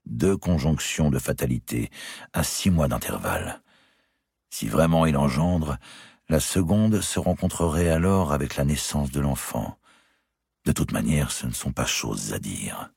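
A man with a husky voice reading a historical novel aloud in a steady, composed way. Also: a bass voice, measured pace, no echo, studio quality. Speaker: audiobook reader. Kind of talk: scripted narration of a historical novel.

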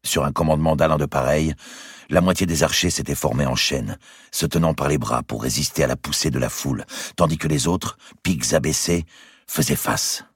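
Deep husky male audiobook narrator, dry close sound. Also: no room sound. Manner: measured storytelling.

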